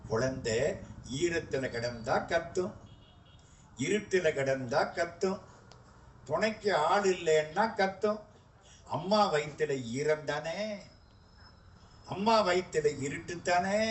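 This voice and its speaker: A man giving a devotional discourse, telling stories, acting out dialogue and asking the audience questions. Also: a little high. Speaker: religious speaker. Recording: echoey hall from a distant mic, faint noise.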